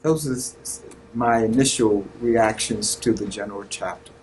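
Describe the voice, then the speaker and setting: Speaking at a moderate pace in a lowish, slightly mellow voice, this Southern-accented man in his sixties is a Redemptorist priest from North Carolina, USA. He offers earnest reflections to a group, sometimes groping for words, and there's a little hiss or hum in the recording.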